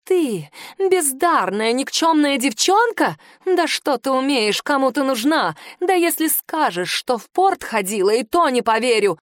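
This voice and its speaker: A woman's voice: sits high, lively intonation, moderate pace, no room sound, studio quality. A woman voicing a haughty aristocratic aunt who shrieks with venomous contempt, in an audiobook reading. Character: furious haughty aristocratic aunt, shrill and scornful.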